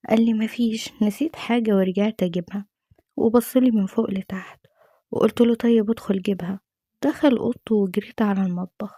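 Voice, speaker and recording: Egyptian woman, story narrator, tense and dramatic, mellow voice, slightly high, dry close recording. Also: no room sound. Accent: Egyptian Arabic. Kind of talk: scripted first-person story narration.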